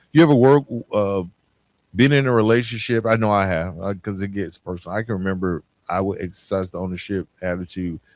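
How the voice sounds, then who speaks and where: A man's fairly low, darkish voice carries a plainspoken motivational podcast. As host, he talks conversationally and speaks directly to listeners, often asking rhetorical questions.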